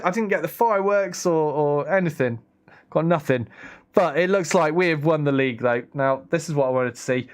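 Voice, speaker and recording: Excitable man commentating his game. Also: mid-range voice, clean tone. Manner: excitable, self-mocking, sarcastic asides, frequent restarts. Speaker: streamer playing a football management game. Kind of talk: live gameplay commentary.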